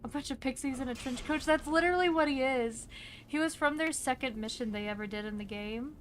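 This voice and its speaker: A woman's voice: high-pitched, fairly quick. A young woman streaming a game, chatting casually and giggling as she talks to the characters. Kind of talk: casual gameplay commentary. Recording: game sound noise behind.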